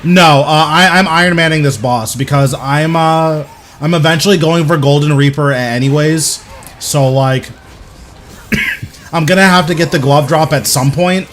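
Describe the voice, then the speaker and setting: A man's voice: on the high side, measured pace, fairly bright tone, a little hiss or hum. A young man giving casual, rambling live commentary while streaming a video game. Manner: rambling, thinking aloud, informal.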